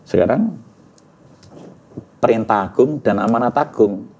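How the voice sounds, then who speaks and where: A man's voice: lowish voice, expressive, measured pace, darkish tone, slight background noise. Earnest middle-aged man. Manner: earnest storytelling, sprinkled with Javanese words. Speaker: guest giving a testimony. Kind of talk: emotional personal testimony interview.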